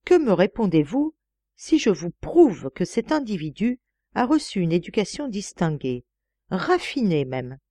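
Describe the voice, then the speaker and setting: A woman voicing a clever young male detective who explains his reasoning calmly. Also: medium pitch, no echo. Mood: explaining. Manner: calm, explaining, measured.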